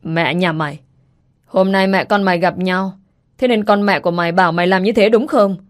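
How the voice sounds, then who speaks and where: A woman's voice: on the low side, fairly even intonation, fairly quick, natural voice. A woman voicing a scolding, contemptuous stepmother. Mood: scornful. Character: cruel shrill young stepmother.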